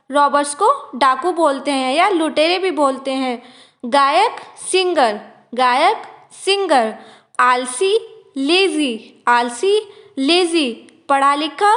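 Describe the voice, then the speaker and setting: High-pitched, slow-speaking woman teaching vocabulary. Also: fairly bright tone. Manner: repeats each word pair slowly and clearly. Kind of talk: slow, deliberate word-by-word vocabulary lesson.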